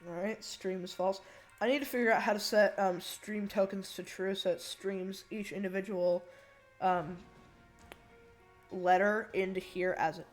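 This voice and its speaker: A woman talks through a programming demo in an informal, unscripted way, thinking aloud as she goes. Her pitch sits in a middle range, and her S sounds come out a little slushy from braces. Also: fairly even intonation, a little slow, soft background music. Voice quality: slightly slurred S sounds from braces and a bite plate. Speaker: hobbyist programmer demonstrating a project. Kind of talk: casual unscripted tech demo narration.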